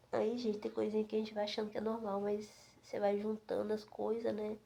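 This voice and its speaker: A woman's voice: mid-range voice, little pitch movement, moderate pace, gravelly, darkish tone, husky. A woman in her fifties chatting to camera from home, with lots of fillers and asides to her viewers. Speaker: vlogger. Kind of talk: casual chat to camera.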